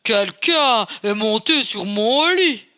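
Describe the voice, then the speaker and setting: A woman voicing a big gruff papa bear in a children's storybook reading, speaking loudly and emphatically. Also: on the high side, animated, slow, exaggerated voice.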